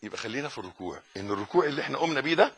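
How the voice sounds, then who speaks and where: A man with an Egyptian Arabic accent giving a religious lesson, moving between loud emphatic insistence and soft, slow, murmured recitation. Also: mid-range voice, expressive, breathy edge. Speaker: religious teacher.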